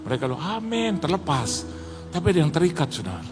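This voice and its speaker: A man's voice: a little high, sing-song, rapid-fire, over music. A man in his sixties preaching a sermon, telling humorous stories and acting out the voices of the people in them. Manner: storytelling, acting out quoted voices, addresses congregation as Saudara. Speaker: pastor. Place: church service.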